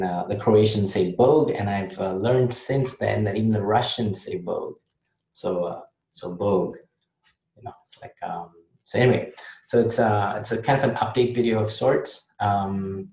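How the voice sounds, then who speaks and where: A man vlogging casually late at night, rambling and halting with many restarts. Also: fairly low pitch, a little mellow, echoey room, rough recording.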